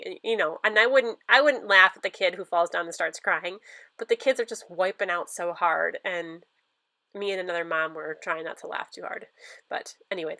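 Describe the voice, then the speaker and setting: A woman's voice: fairly low pitch, a bit bright, no room sound. A middle-aged woman with a stuffy nose from a cold, chatting casually through a craft voice-over with lots of fillers. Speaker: scrapbooking vlogger.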